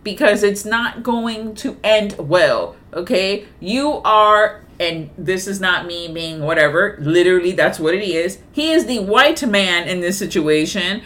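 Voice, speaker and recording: A woman's voice: mid-range voice, lively intonation, unhurried, hardly any pauses, fairly bright tone. Blunt, profane woman co-host. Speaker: podcast co-host. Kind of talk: casual movie chat.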